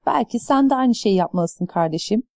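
A fourteen-year-old boy with a dry, teasing wit talks to his little sister like an older brother, as a woman reads him. The tone is warm and slightly raised, recorded close and dry. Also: fairly high pitch, animated, normal speed, dry recording, pitched above the performer's own voice.

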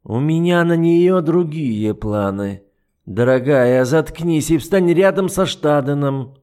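A man's voice: fairly high pitch, expressive, takes it slowly, a little mellow, clean tone, voice pushed up. A man voicing a cold, cruel, scheming duke in an audiobook, condescending and mocking. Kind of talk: audiobook character voice.

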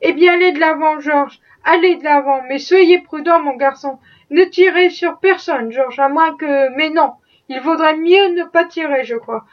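A woman's voice: sits high, normal speed, highs cut off, natural voice. A woman voicing a kindly, fretful old male factory owner with flustered, fatherly concern.

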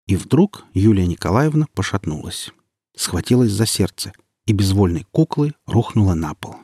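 A man narrating an audiobook in an expressive, lively reading. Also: lowish voice, moderate pace, slightly rough, no room sound, studio quality.

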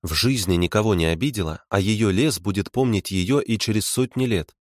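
A man voicing a calm woman investigator who lays out facts softly and pointedly. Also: lowish voice, moderate pace, dry recording, clean studio sound, natural voice.

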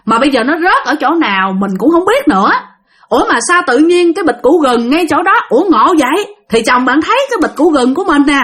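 A woman with a Southern Vietnamese accent narrating a ghost story, talking lively and addressing her listeners directly. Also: sits high, fast.

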